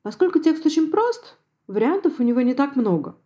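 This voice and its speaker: A woman, a Yiddish language expert, giving a precise, measured scripted lecture on dialects. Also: high voice, sing-song, dark tone. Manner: measured, precise academic delivery.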